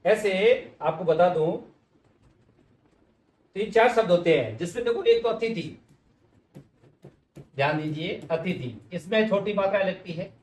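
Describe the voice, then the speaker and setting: A man's voice: high voice, animated, measured pace, long pauses, darkish tone, reverberant, slight background noise. A man teaching spelling for exams, patiently repeating words and answering his own questions. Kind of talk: exam-prep lesson.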